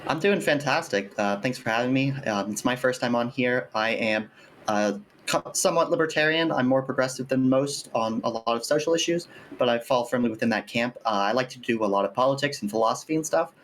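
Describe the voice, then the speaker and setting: A man's voice: medium pitch, a little fast, a little hiss or hum, poor audio. A man introducing himself on a panel for the first time, upbeat with hesitant fillers. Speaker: panel guest, streamer.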